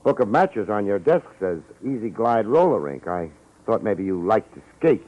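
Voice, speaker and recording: A man with a fairly low voice and big pitch swings plays a hard-boiled private eye narrating an old-time radio drama, wry, sardonic and full of slang, at normal speed. The recording sounds muffled and vintage, with music underneath.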